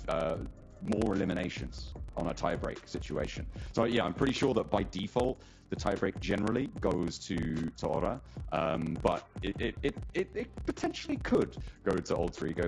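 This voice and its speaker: A man casts a live esports match in a low, gravelly voice with a lively, up-and-down delivery. He works through scores out loud, rambling and correcting himself mid-thought. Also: background noise. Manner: rambling, self-correcting, thinks aloud. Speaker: esports commentator. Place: streaming setup with remote co-caster on voice chat.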